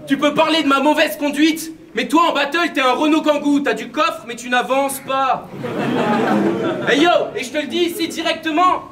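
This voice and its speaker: A man's voice: very high-pitched, moderate pace. A man performing a cappella battle rap at a live event, delivering brash, mocking punchlines. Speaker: battle rapper. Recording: echoey venue, distant mic, crowd noise. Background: crowd reactions and laughter.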